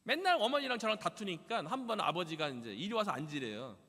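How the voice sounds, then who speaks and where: A male pastor tells his testimony from the pulpit in a high, bright voice that swoops up and down with feeling. The sound rings with the long reverb of a church hall. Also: sing-song, quick pace, vocal fry. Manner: emotional storytelling, acts out quoted parents. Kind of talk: testimony sermon. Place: church sanctuary.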